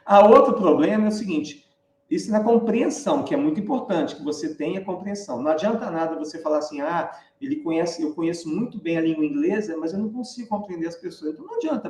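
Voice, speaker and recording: A man's voice: high-pitched, darkish tone, distant mic. Brazilian man teaching in an echoey room. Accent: Brazilian Portuguese. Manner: explanatory, frequent tag questions and fillers. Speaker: English teacher. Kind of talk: live online lesson. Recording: echoey room, voice a bit off-mic.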